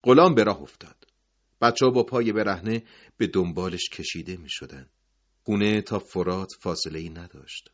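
A man narrating a dramatic story in a grave, emotive voice, in a dull lo-fi recording. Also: deep voice.

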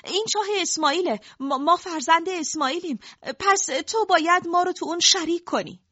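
A woman voicing a crowd of tribesmen demanding their share, quick and insistent. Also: very high-pitched, pushed and bright, no echo, dull audio, pitched above the performer's own voice.

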